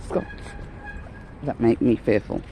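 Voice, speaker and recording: This dog-walking vlogger has a very deep, dark voice with huge pitch swings and a slow pace. Winded, she talks in a rambling, frank, wry way outdoors, and the low-quality recording has slight background noise plus faint outdoor ambience.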